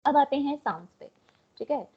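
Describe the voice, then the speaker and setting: A woman's voice: high voice, expressive, brisk, a little hiss or hum. A young woman with an Indian accent teaching an online language class, mixing Hindi and English and coaxing students to answer. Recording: dull lo-fi online call audio.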